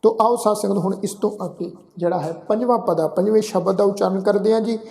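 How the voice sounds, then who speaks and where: A man teaching scripture recitation, reading verses in a slow, drawn-out chant and then explaining pronunciation in brisk everyday speech. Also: high voice, gravelly, a little mellow. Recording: echoey room.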